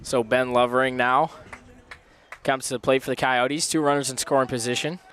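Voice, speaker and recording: A man calling live college baseball play-by-play from a ballpark press box, fast with his calls and quick to laugh. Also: mid-range voice, fairly even intonation, a bit bright, soft background music. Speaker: play-by-play commentator.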